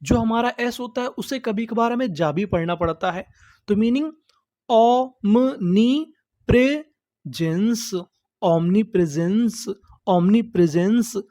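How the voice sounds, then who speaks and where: A woman's voice: medium pitch, a little slow, a little mellow, no room sound. A woman teaching English vocabulary, spelling each word letter by letter and asking and answering her own questions. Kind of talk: slow spelled-out vocabulary lesson.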